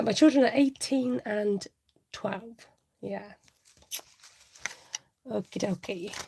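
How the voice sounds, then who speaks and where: A woman's voice: mid-range voice, gravelly, dark tone, slight background noise. A woman in her forties chatting casually on a budgeting livestream, giggly and reading out viewer comments.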